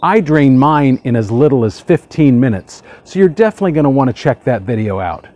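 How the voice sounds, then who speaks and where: A man's voice: mid-range voice, expressive, a little fast, warm tone, muffled recording. A man in his forties hosting a casual how-to demo in a backyard, talking upbeat and chatty while he works. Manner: upbeat, chatty, talks while doing tasks. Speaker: hot tub how-to host. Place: outdoor backyard beside a hot tub.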